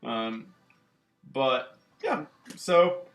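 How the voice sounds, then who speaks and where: Chatting casually about video games as a channel co-host, this man rambles and leans heavily on fillers like "um" and "like." His mid-range, slightly bright voice is lively in intonation yet extremely slow. Soft background music plays in an echoey room.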